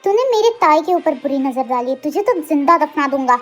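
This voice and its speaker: A woman's voice: high-pitched, expressive, a little fast, faint music behind. A woman doing a hot-headed jealous young man. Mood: furious. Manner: threatening, blunt. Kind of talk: dramatized story reading.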